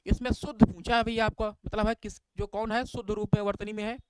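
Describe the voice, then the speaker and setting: A man's voice: high voice, level tone, brisk, smooth. A man teaching an online exam-prep class, reading out spelling questions and options, often asking "what is it?" and praising viewers by name. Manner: repetitive questioning, addresses viewers as bhaiya.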